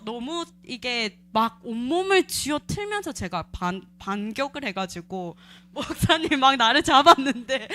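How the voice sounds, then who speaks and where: A young adult woman sharing a personal testimony at a church service, telling her story in an animated way with lots of fillers. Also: fairly high pitch. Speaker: church member giving testimony.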